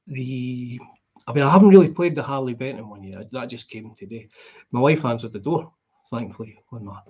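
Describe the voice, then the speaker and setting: A middle-aged man with a broad Scottish accent and a husky voice, chatting casually and in a rambling, conversational way as he hosts a live stream. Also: medium pitch, darkish tone, highs cut off. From Scotland. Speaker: guitar vlogger hosting a live stream. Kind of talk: casual chat.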